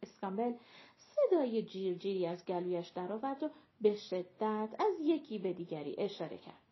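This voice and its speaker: A woman reading an audiobook in a clear, even narrating voice. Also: mid-range voice, dull audio.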